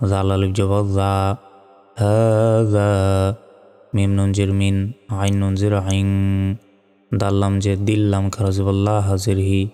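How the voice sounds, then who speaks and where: A man leads a Quran reading lesson, spelling the Arabic out syllable by syllable at a very slow, deliberate pace. His voice is low, flat and smooth. Long reverb hangs on every word, with faint music underneath. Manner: slow, deliberate spelling drill with drawn-out chanted recitation. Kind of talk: spelling out Quranic Arabic letter by letter, then slow melodic recitation.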